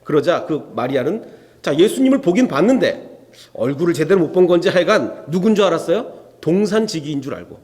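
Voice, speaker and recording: A man's voice: on the high side, sing-song, a little fast, a little mellow. A male pastor preaching an expository sermon, asking the congregation rhetorical questions and acting out biblical dialogue. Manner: acts out biblical dialogue in shifting voices. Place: church sanctuary. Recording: long reverb from a church hall.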